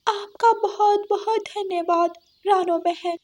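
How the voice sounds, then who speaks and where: A grieving young widowed crow from a cartoon, tearful and pleading, her voice climbing very high as she cries out, as a woman puts her on. She sounds meek and heartbroken. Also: fairly even intonation, takes it slowly, darkish tone. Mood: sad, meek.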